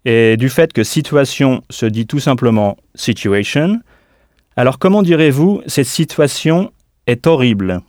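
In a dry, studio-quality recording, a man with a mid-range, darkish voice and lively intonation presents a scripted audio language lesson. He models pronunciation slowly and deliberately and spells words out letter by letter.

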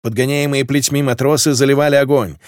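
A man's voice: medium pitch, steady tone, quick pace, no room sound, clean studio sound. A man reading a dramatic naval battle story as scripted audiobook narration.

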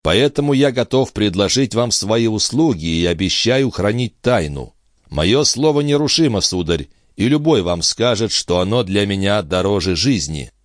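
A stern middle-aged doctor in an audiobook, read by a man, presses his point in a measured, insistent manner. His voice sits fairly low but swings with plenty of lift. The sound is dry and close. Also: lively intonation, no echo, lightly acted. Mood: firm.

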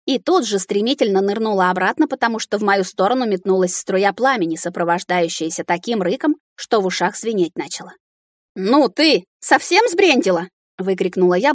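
A woman narrating a first-person comic fantasy audiobook in a lively, ironic way. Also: medium pitch, no room sound, clean studio sound.

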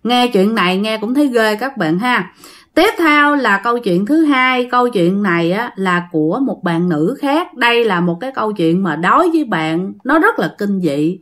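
Addressing her viewers head-on, a woman hosting a ghost-story channel spins casual, dramatic, chatty tales in a Southern Vietnamese accent. Her voice is mid-range and a bit bright, animated and at a moderate pace.

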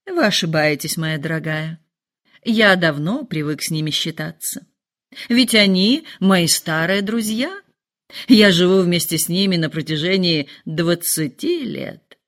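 A woman voicing a calm, dryly ironic middle-aged husband in a storybook reading. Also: lowish voice, a little slow, natural voice. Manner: dry, calm, mildly ironic.

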